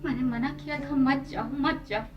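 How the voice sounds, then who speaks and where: A woman's voice: high-pitched, steady tone, moderate pace, lo-fi sound, lightly acted. A woman playing a worried stage mother. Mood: weary. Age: middle-aged. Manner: pleading, exclamatory. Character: worried middle-aged mother pleading with her husband. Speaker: mother, Deepa. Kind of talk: stage play acting. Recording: stage recording with clear music behind.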